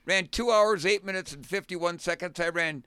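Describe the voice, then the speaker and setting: A man's voice: sits high, normal speed, pushed and bright, clear, resonant tone, no echo. A man co-hosting a podcast, telling the story of his own race in a reflective way and often saying "done". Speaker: podcast co-host, former marathoner. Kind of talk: casual chat.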